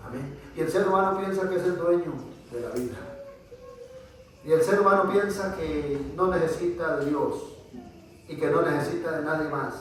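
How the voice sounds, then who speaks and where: Colombian pastor preaching in an echoey church. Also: male voice, a little high, moderate pace, slight background noise. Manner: preaching with frequent amens and questions to the congregation. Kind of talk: sermon. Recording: echoey church hall, mic far off.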